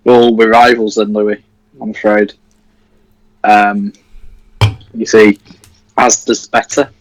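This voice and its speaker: A man's voice: on the low side, little pitch movement, slow pace, low-quality recording. An eighteen-year-old man from Leeds, easygoing and jokey, co-hosting a casual football watchalong stream. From Leeds, England. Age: teens. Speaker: livestream co-host.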